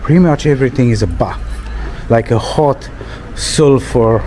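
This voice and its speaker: Speaking at a moderate pace in a mid-range voice with a dark tone, a young Romanian travel vlogger films casually outdoors in a town street, with a little hiss or hum in the audio. He exclaims a lot, uses loose fillers and addresses his audience as "guys."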